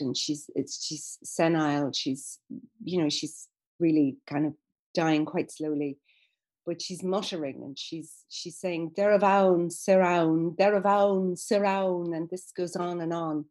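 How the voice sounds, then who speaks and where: A woman appears as a literature expert in a conversational interview, her low, darkish voice unhurried and fairly even in intonation. She explains things at length and thoughtfully, with frequent fillers and restarts.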